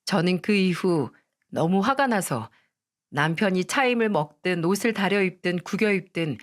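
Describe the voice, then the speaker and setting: A woman narrating a scripted story in a steady, aggrieved storytelling manner. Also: lowish voice, normal speed.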